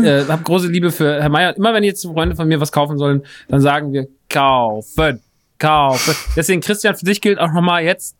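High-voiced man telling a lively story. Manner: animated, acts out quoted dialogue. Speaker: podcast host. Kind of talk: casual storytelling.

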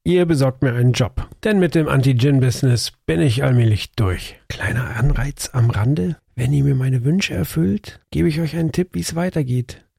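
A man's voice: medium pitch, normal speed, vocal fry, mellow, slightly rough, no room sound. A man voicing a bearded male anti-genie in a top hat who lists his demands in a dry, matter-of-fact way. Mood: deadpan. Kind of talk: improvised tabletop role-play.

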